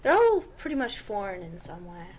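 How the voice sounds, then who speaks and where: A woman's voice: medium pitch, huge pitch swings, fairly quick, darkish tone. Chatty young woman, upbeat and rambling. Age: young adult. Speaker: podcast co-host. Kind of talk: casual chat.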